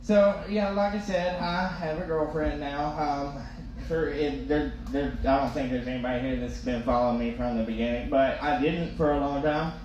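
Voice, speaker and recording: A man's voice: fairly high pitch, fairly even intonation, moderate pace, lo-fi sound. A man doing stand-up comedy storytelling, with toothless, slightly slurred articulation and an informal, self-deprecating, rambling delivery. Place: live comedy stage in a reverberant room. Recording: echoey room, loud background noise.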